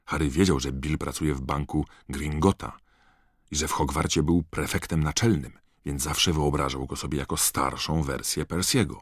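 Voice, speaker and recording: A man reading a story aloud as an audiobook narrator, expressive and scripted. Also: extremely low pitch, dry recording, studio quality.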